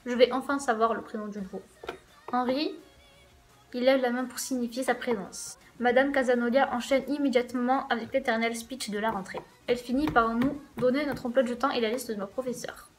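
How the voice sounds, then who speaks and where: A woman's voice: on the high side, steady tone, a little fast. A woman hosting a let's play, reading a visual novel's first-person narration aloud in a casual way with wry asides.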